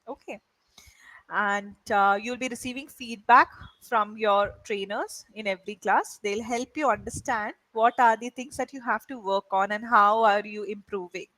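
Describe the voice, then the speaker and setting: In a mid-range voice that is bright and forceful, an Indian woman whose first language is Malayalam tutors English online at a normal speed. She encourages her student and checks in often with "right?" The recording has no room sound and is low in quality.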